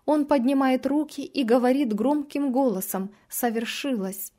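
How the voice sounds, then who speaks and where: A woman giving a measured, solemn reading of a devotional religious text. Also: fairly high pitch, darkish tone.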